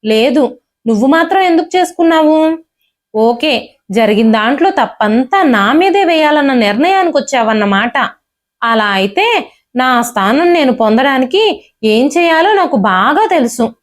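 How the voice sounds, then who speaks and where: A woman's voice: high voice, animated, measured pace. A woman voicing a stern, proud lady of the house with a cold, cutting way of speaking. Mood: defiant.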